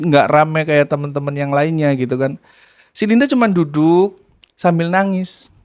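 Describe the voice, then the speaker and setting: A man from Indramayu casually telling a true story, acting out voices and laughing as he goes. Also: on the high side. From Indramayu, West Java. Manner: lively, acts out quoted voices, laughs while telling.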